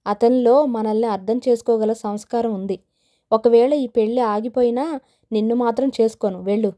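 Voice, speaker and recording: A woman voicing a proud, sharp-tongued young rich woman who answers in curt, scornful retorts. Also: fairly high pitch, fairly even intonation, normal speed, lightly acted.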